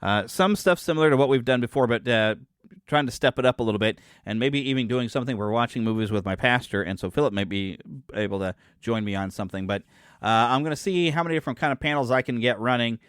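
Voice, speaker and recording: Alone at the mic for his casual podcast, a man in his forties talks fast at a medium pitch, rambling on, often correcting himself, and joking about himself. His tone is clean, and the studio recording has no room sound.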